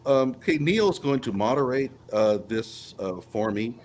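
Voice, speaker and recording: A man's voice: medium pitch, lively intonation, a little slow, darkish tone, slight background noise. A man hosting a live panel discussion, loose and chatty, who sometimes trips over his words. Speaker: livestream host. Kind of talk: casual panel chat.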